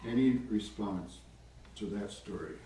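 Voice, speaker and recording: A man with a low, mellow voice leads a prayer group, retelling scripture in a relaxed, chatty way with wry asides. He is recorded from a distance in an echoey room with a faint hiss underneath. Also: a little slow. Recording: echoey room, far from mic.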